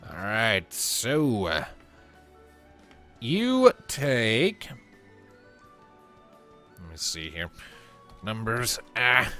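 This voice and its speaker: A man's voice: on the low side, drawn-out words, pauses often. A man running a tabletop role-playing game as game master, chatty and full of fillers, with music behind. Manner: chatty, animated, filler-heavy.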